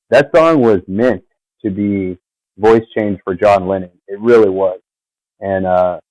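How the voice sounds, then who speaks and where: A vlogger with a fairly low, somewhat dark voice rambles casually at his computer while talking over his own video. He meanders, trails off, and fills the gaps with plenty of fillers. The audio is poor but has no echo.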